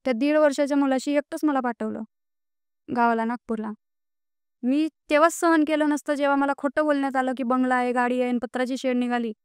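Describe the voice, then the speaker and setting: Earnest high-voiced young woman. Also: fairly even intonation, brisk, a little mellow, clean tone, dry recording, studio quality. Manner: earnest, rising with indignation. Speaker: podcast guest. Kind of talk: emotional personal storytelling.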